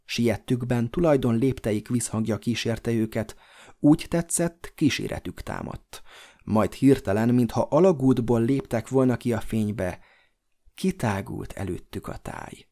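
A man narrating an audiobook in a measured, dramatic storytelling delivery. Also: mid-range voice, warm tone. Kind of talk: scripted narration.

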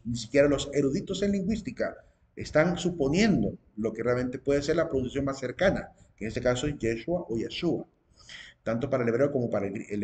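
A man's voice: medium pitch, darkish tone. A man giving an informal religious teaching to viewers, explaining step by step with frequent fillers and tag questions.

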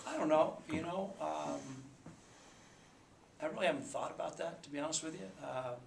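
A basketball coach in his forties, subdued after losing, halts and fills his postgame press conference answers with fillers. His voice is a little high and creaky. The small press room indoors is echoey, with a faint hum behind the table mic.

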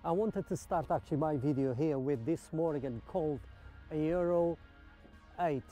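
A man's voice: fairly high pitch, normal speed, warm tone, faint music behind. A man giving casual, enthusiastic walkaround commentary in an outdoor car park, admiring things and asking his viewers questions. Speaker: vlogger touring a car meet.

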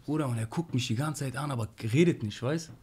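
Young male interview guest, casual slangy storyteller, medium pitch. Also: fast talker, slight background noise. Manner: animated, slangy, frequent "Bruder" and "weißt du".

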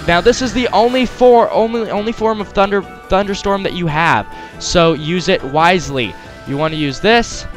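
A man gives casual let's-play commentary in a somewhat high voice. He is jokey and playful as he guides viewers, with game music faintly behind him. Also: a bit bright. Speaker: gaming video host.

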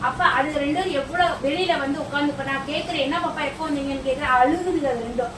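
A woman's voice: sits high, rapid-fire, lightly acted. A woman acting a strict aunt who scolds and lectures children at home. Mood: lecturing. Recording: echoey room, far from mic, noisy.

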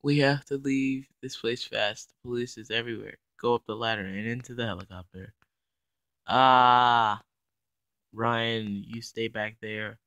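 A man's voice: medium pitch, fairly even intonation, normal speed, few pauses, a bit bright, no echo. A man giving playful, casual commentary over his own block-building game, narrating each move as he goes. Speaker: gaming YouTuber.

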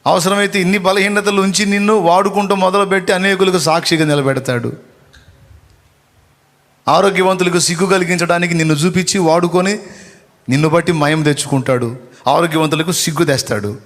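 A man preaching a sermon as pastor, fiery and exhorting, swinging between loud calls and hushed asides. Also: high voice, steady tone, brisk. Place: church. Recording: long reverb of a church hall.

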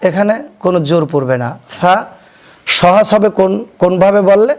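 A man teaching children to pronounce Arabic letters, explaining slowly and quizzing his pupils so they repeat after him. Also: high voice. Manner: asks questions and has pupils repeat; slow, deliberate explanation. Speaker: Quran teacher. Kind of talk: classroom recitation lesson. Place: madrasa classroom.

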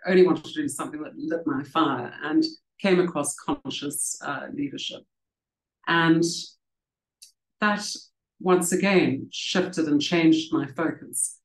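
Speaking a little slowly in a deep voice, this South African-raised author and leadership coach, middle-aged, reflects on her career for a book festival. She talks conversationally with plenty of ums and restarts, dialing in from home over roomy-sounding video call audio.

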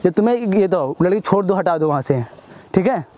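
A man's voice: high voice, animated, a little fast, mellow, a little hiss or hum. A young man, hosting a village prank, who keeps cajoling and asking why she is angry.

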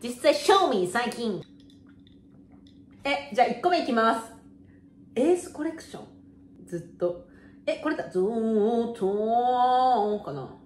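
A woman in her twenties chatting casually and excitedly in slangy speech while sharing songs. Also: fairly high pitch, measured pace, pauses often, roomy sound, faint music behind. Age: 20s. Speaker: YouTuber.

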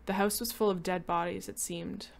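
A woman giving a dramatic reading of a short story, acting out each character and rising loud for the shouting and panicked lines. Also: lowish voice, fairly even intonation, normal speed, vocal fry, a little hiss or hum. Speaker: reader.

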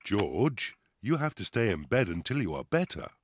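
A man's voice: on the low side, very animated, moderate pace, noisy background. An actor voicing a jolly, bumbling father pig in a cartoon, good-natured and a bit sheepish.

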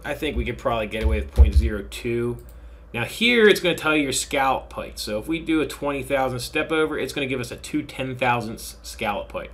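Relaxed man giving a machining software tutorial. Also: mid-range voice. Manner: relaxed, thinking aloud with fillers. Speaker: machining instructor. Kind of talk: software tutorial screen recording.

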